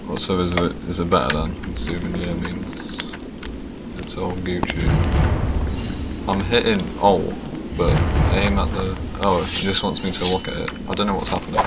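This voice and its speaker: A man streaming a game with casual, slangy commentary, reading bits aloud, who cannot say his r's and sounds them like w. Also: deep voice. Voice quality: cannot pronounce r, says w for r. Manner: slangy, reads on-screen text aloud between remarks. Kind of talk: casual live gameplay commentary. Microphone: streaming microphone with adjustable gain. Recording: loud background noise.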